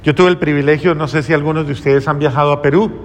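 A man's voice: a little high, fairly even intonation, fast talker, long reverb tail. A man preaching a sermon earnestly, often restarting his phrases.

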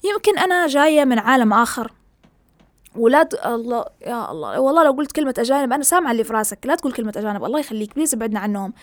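Young woman, high voice, very fast, impassioned rant, English words mixed in. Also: expressive, no room sound. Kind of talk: casual opinion monologue.

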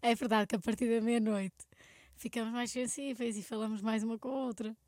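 A young European Portuguese woman who talks fast in a high voice. She throws in quick remarks while chatting casually as a podcast co-host. Her voice is recorded close and dry. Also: fairly even intonation, darkish tone, dry recording. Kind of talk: casual chat.

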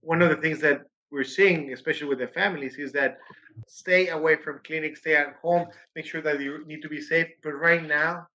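A man's voice: on the high side, fairly even intonation, moderate pace, bright, forceful tone, low-quality recording. A man from Mexico, a pediatrician answering interview questions animatedly with frequent restarts.

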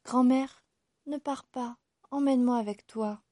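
A woman's voice: fairly high pitch, steady tone, a little slow, dark tone, dry recording, clean studio sound, pitched above the performer's own voice, close to an everyday voice. A woman voicing a poor, freezing little girl who sells matches, speaking in a raised, pleading childlike voice.

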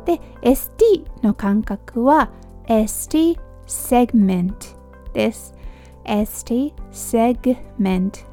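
A woman hosting a spoken lesson, explaining terms in a friendly teacherly way and slowly modelling words for the listener to repeat. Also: on the high side. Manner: slow drawn-out model pronunciations between chatty explanations; teacherly, sprinkles soft tag words. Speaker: podcast host teaching medical English.

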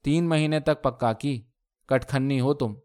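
A man's voice: mid-range voice, a little mellow, clear, resonant tone, natural voice. A man voicing a playful young husband who teases his wife in a mock-stern way, in a read-aloud story. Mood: teasing.

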